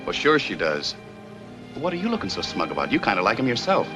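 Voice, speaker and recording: A man's voice: medium pitch, huge pitch swings, quick pace, over music. An actor playing a sardonic, jealous man who has groomed a young woman for film stardom. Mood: wry. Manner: sarcastic, wry.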